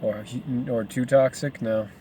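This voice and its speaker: Guy reading a book out loud, chatty asides, trips over names, kinda mid-pitched. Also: steady tone, a little slow, noisy background. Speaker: reader. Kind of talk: casual rambling book reading.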